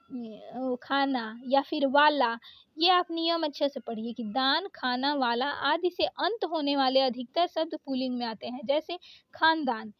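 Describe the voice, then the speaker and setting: High-voiced woman teaching a grammar lesson. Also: no echo, lo-fi sound. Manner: reads out word lists with many pauses and "अ" fillers. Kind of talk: exam-prep grammar lesson.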